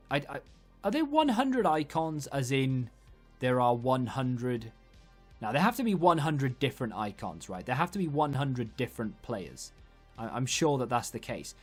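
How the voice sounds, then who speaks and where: Man, gaming video host, casual rambling commentary, conversational, thinking aloud, medium pitch, background music. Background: music under the voice.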